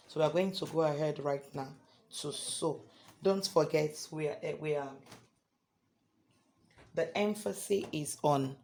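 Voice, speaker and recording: A hoarse man teaching a sewing tutorial step by step, often checking in with "okay?". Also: fairly high pitch, a little mellow. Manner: repeats points, ends lines with "okay?". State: hoarse from singing. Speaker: sewing instructor.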